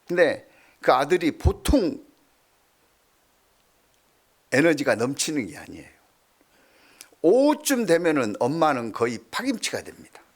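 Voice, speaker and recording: A middle-aged male pastor preaching a sermon, telling stories with swings from loud to hushed. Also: on the high side, sing-song, unhurried, long pauses.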